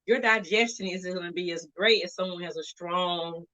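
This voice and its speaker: A woman as a dentist guest on an interview. She is chatty and lively, quick to laugh. Her voice has a bright ring. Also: fairly low pitch. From Atlanta, Georgia. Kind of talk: casual interview.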